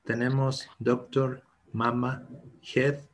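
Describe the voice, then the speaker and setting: A man's voice: medium pitch, flat delivery, takes it slowly, slight background noise. A man teaching English to children in an online class, patient and encouraging, mixing English and Spanish. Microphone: video call.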